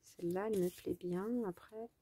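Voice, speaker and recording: A woman's voice: lowish voice, steady tone, moderate pace, dark tone, slightly rough. A French woman with a French accent chats casually to her viewers as she crafts, hesitating often and thinking aloud with many fillers. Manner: talks straight to her viewers. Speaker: crafting vlogger. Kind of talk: casual craft-along chat.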